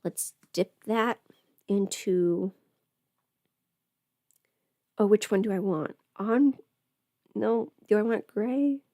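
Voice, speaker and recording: Warm and medium-pitched, this woman speaks slowly with many pauses, recorded cleanly in a studio with no room sound. She's a livestream host and audio performer with a cold, chatting casually, rambling and sometimes playful while thinking aloud over her makeup.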